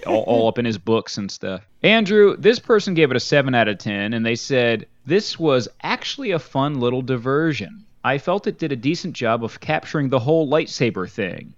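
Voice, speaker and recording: A man's voice: medium pitch, big pitch swings, normal speed, hardly any pauses, no echo, dull audio. A man co-hosting a podcast in casual joking banter, riffing in slangy, chatty phrases. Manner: riffing, slangy, repeats "know what I mean". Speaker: podcast co-host.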